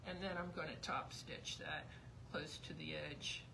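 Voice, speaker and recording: A middle-aged sewing instructor who is losing her voice chats rambling through a live demo, thinking aloud. Her low-pitched, creaky voice keeps fairly even intonation at a moderate pace, and the recording has a noisy background.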